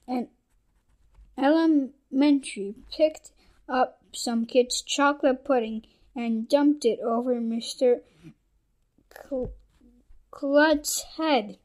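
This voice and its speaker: A woman with a high voice reads a children's storybook aloud at an unhurried pace. She often trips over words and starts them again, correcting herself as she goes. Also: a little mellow. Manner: reading with frequent restarts and self-corrections. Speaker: audiobook reader. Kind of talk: children's audiobook narration.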